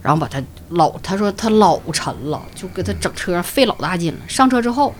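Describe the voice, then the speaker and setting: A woman with a Northeastern Mandarin accent telling a ghost story on a podcast. She is earthy and animated, swears freely, and acts out voices and sound effects. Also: mid-range voice, a little fast, slight background noise. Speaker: podcast co-host.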